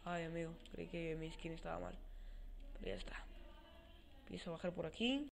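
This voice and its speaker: Narrating his gameplay for a let's play, this excitable gaming channel host talks to himself at a normal speed, cursing frequently. His voice is on the high side and creaky, and it comes out quiet through a cheap desk mic with no stand.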